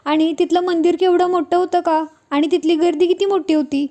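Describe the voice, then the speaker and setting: A woman's voice: very high-pitched, fairly even intonation, brisk, warm tone. A woman voicing a curious young girl who asks eager, pleading questions in a serial recap.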